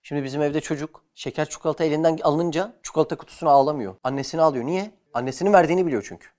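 A man giving a lively religious lesson, asking questions and answering them himself. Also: a little high, very fast. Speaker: religious teacher.

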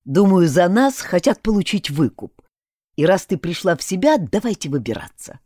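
A woman voicing a wary, sharp-tongued young male necromancer, talking tersely. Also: on the low side, big pitch swings, moderate pace, dry recording, studio quality.

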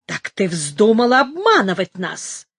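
A woman voicing a furious, menacing male thug who shouts threats in a read-aloud story. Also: medium pitch, sing-song, slow pace, slightly rough, no echo, studio quality, full character voice.

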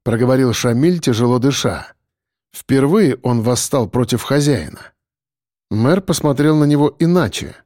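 A male narrator reads a story aloud in a steady, measured voice of middle pitch. The sound is close and dry. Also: dry recording. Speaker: audiobook narrator. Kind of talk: scripted narration.

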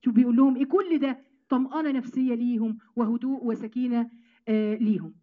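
Fast-talking Egyptian woman teaching Quran. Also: a little high, phone-quality sound. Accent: Egyptian Arabic. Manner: animated, addresses listeners as sisters. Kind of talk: religious lesson to women.

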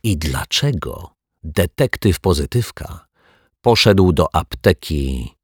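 Male narrator, deep and slightly husky, measured and playful for a kids' audiobook; close, dry mic. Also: sing-song, dry recording. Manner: measured, gently playful storytelling. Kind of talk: scripted children's story narration.

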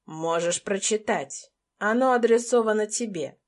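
A woman's voice: medium pitch, unhurried, lightly acted. A woman voicing a cold, domineering billionaire man in an audiobook, with curt, controlling and menacing lines.

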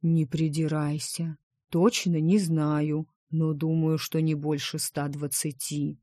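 A woman reading the part of a gruff, protective male dragon in an audiobook, talking bluntly and teasingly. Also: low voice, level tone, slow pace, warm tone, no echo, studio quality.

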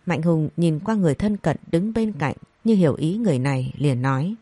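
Low mellow woman reading a story aloud, dry close mic. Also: fairly quick, breathy edge, dry recording. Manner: reads every character in the same even voice. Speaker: audiobook narrator. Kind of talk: scripted story narration.

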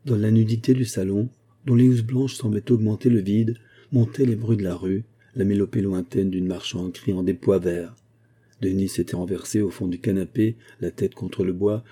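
A man reading a classic novel as an audiobook, in a measured, steady narration. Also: fairly low pitch, husky.

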